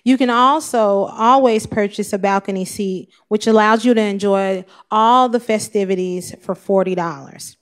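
A woman's voice: medium pitch, unhurried, hardly any pauses. A woman chairing an event committee, speaking in an upbeat, promotional way at a podium mic in a council chamber. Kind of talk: press conference speech.

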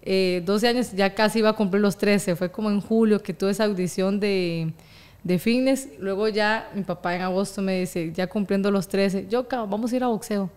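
A young woman with a Costa Rican accent, telling her story as an interview guest, lively and laughing often. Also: mid-range voice, moderate pace, clear, resonant tone. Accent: Costa Rican Spanish. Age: young adult. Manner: animated, laughs often, acts out quoted voices. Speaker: guest, boxing champion.

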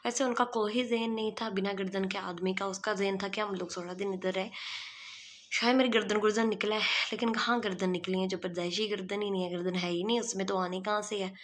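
A woman's voice: mid-range voice, steady tone, a little fast. A young woman talks to her phone camera in a small room indoors. Her commentary is gossipy and openly mocking, with an easy, chatty flow in a mid-range voice. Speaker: vlogger. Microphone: phone camera at arm's length.

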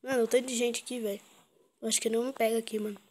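A woman's voice: fairly high pitch, little pitch movement, very fast, a little mellow. A woman with a Brazilian accent giving casual, chatty gameplay commentary for her channel. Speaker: gaming YouTuber. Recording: noisy mobile game recording with clicks.

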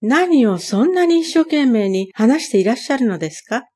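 A woman's voice: on the high side, sing-song, normal speed, warm tone. A woman doing a fussy green frog. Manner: croaking song, raised voice. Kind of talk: storybook reading.

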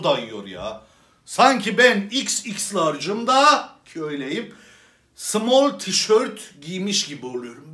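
A man's voice: high-pitched, sharp tone, recorded from a distance, heavily acted. Man playing a ranting club president. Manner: theatrical ranting, swinging from sweet to furious. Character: hot-tempered male club president ranting. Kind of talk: comedy sketch monologue. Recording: roomy echo, away from the mic.

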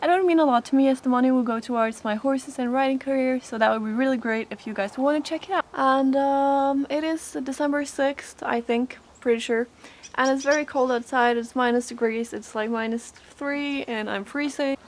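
Young woman, English speaker, vlogging casually on a handheld camera in a horse barn. Talks with a slightly high voice and plenty of fillers. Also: moderate pace, a little hiss or hum. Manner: chatty, with many fillers. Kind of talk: casual vlog chat.

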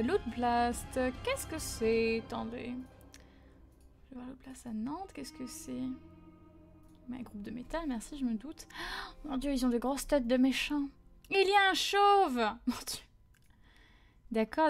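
High-voiced chatty woman streamer. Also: measured pace, vocal fry, faint music behind. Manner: chatty, animated, frequent fillers and laughs. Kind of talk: casual live-stream chat reading viewer messages.

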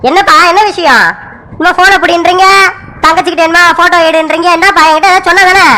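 An earnest young son in a cartoon, voiced by a woman, pleading and protesting rapidly. The voice is very high-pitched and bright. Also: fairly even intonation, poor audio. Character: earnest young man pleading with his father. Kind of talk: cartoon voice acting.

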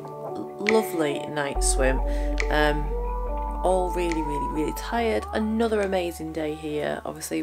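A woman in her thirties with a British accent, chatting casually to a handheld camera in a family holiday vlog. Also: deep voice. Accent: British English. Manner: chatty, upbeat, talking to the camera. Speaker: family vlogger. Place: holiday lodge and indoor shops. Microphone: handheld camera at arm's length. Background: background music.

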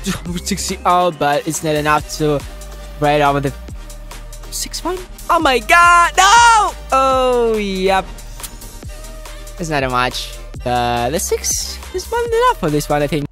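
Wildly animated gameplay commentator. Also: medium pitch, soft background music. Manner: shrieks and pleads with rapid repeated words; frequent giggling. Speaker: gameplay video host.

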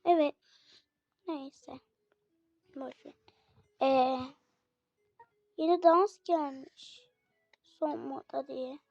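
High-voiced woman in chatty game commentary. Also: very slow, gravelly, long pauses, dry recording, faint music behind. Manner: chatty, addresses viewers often, excitable exclamations. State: slightly unwell. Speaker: gaming channel host. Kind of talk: casual gameplay commentary. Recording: dull lo-fi dry recording.

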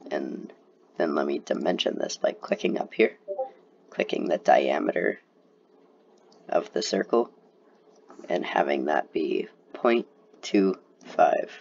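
Low, gravelly young man feeling sick. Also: slow pace, pauses often, a little hiss or hum. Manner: casual, relaxed, filler-heavy explaining. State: sick, slightly congested. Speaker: CAD tutorial presenter. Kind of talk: screen-recorded software tutorial. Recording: dull, lo-fi voice recording.

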